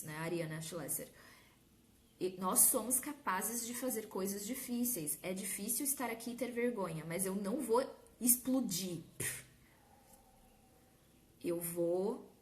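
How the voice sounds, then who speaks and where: A young Brazilian woman talks to her audience in an informal, lively way. Her voice sits at an everyday middle pitch for a woman. Now and then she mimics a scolding inner voice, then drops back to her own easy speech. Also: normal speed. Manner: informal, animated, acts out her inner critic. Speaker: course host. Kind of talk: casual live talk to an audience.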